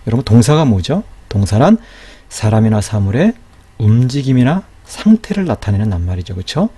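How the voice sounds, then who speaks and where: A man's voice: medium pitch, big pitch swings, normal speed, warm tone, slightly rough. A man teaching a grammar lesson in a patient, explanatory way, often checking in with a rising "right?". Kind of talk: recorded lecture.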